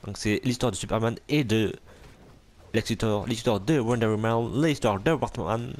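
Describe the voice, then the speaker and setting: A man talks casually over a superhero video game as let's play commentary, joking, swearing and retorting to the enemies he faces. His voice is on the low side and darkish, at a normal speed.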